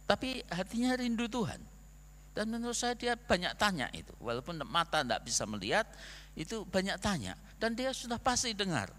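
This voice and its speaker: A male pastor preaching a sermon in a church, animated, with rhetorical questions and acted-out quotes. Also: a little high. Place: church sanctuary. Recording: long reverb of a church hall.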